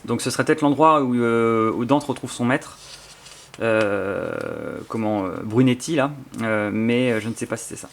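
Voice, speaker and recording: Gravelly-voiced Frenchman chatting over an unboxing. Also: medium pitch, normal speed, a little hiss or hum. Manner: rambling, enthusiastic, many fillers and restarts. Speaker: YouTuber presenting his book collection. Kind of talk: casual spontaneous unboxing chat.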